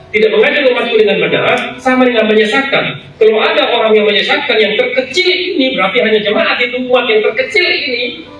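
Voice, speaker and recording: High-voiced man preaching in an echoey church. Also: quick pace. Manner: emotional, dramatic retelling with sharp swings in pitch. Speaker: pastor. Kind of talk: sermon. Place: large church hall. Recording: very echoey church hall, voice from far off, live music behind. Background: musical instrument playing.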